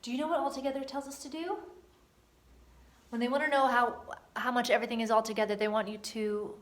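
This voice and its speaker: A woman's voice: a little high, steady tone, fast talker. A woman teacher giving a recorded homework lesson, chatty and playful with silly catchphrases. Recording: echoey room.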